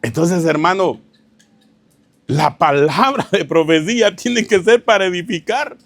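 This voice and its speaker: A man's voice: sits high, a little slow, no echo. A male pastor preaching a sermon, often asking his congregation rhetorical questions and calling them brother. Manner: tells anecdotes with a chuckle, informal preaching. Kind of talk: sermon teaching.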